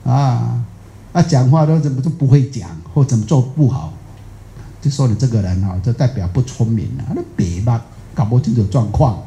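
A man with a Taiwanese Mandarin accent gives a rambling, folksy Buddhist dharma talk, often stopping to question his listeners. His voice is very dark and mellow. It carries an echo from the room. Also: medium pitch, normal speed, vocal fry. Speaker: Buddhist teacher. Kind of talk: dharma talk to a live audience.

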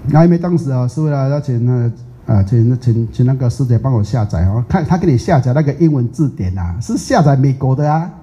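Dark-voiced older teacher. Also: male voice, mid-range voice, expressive, a little hiss or hum. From Taiwan. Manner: chatty, teasing, drawn-out English words. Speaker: Buddhist teacher. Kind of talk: casual dharma talk. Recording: muffled lo-fi recording.

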